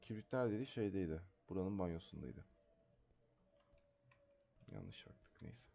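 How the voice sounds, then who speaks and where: A man's voice: low-pitched, very animated, measured pace, vocal fry, mellow, lo-fi sound, slight background noise. A man commentating a horror game as he plays, jumpy and panicky, chatting to himself, muttering prayers and shrieking when scared. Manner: chatty, talking to himself while playing. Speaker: gameplay streamer.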